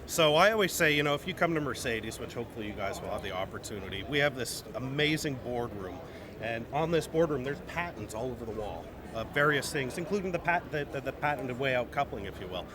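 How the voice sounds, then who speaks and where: In an informal trade show interview, a man representing a company talks quickly and animatedly in a mid-range voice, emphatic and repeating phrases for stress. A crowd can be heard behind him in the noisy, busy venue.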